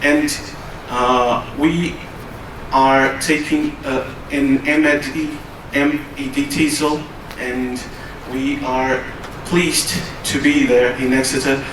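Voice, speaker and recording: A man who is a native Portuguese speaker gives a formal conference presentation, measured and pausing often with "uh". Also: medium pitch, little pitch movement. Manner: measured, with frequent hesitations. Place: conference hall. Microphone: distant from the recorder. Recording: roomy, distant hall recording with noise.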